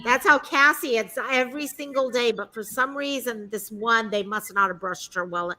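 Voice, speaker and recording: A woman hosting a casual livestream chat, bubbly and quick to laugh. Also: fairly high pitch, pushed and bright, rough recording. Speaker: livestream host. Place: home, on a live video stream.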